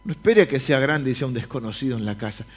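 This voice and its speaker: A man's voice: mid-range voice, animated, fast, breathy edge, lo-fi sound. A man with a Rioplatense accent preaching a sermon, speaking directly to his congregation. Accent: Rioplatense Spanish. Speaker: pastor. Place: church service.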